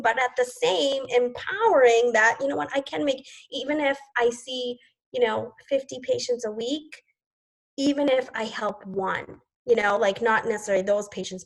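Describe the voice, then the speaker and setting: In this rough recording, a team leader in her forties runs a group video call, her fairly high, gravelly voice carrying a relaxed pep talk. She laughs often and leans on fillers like "like" and "you know."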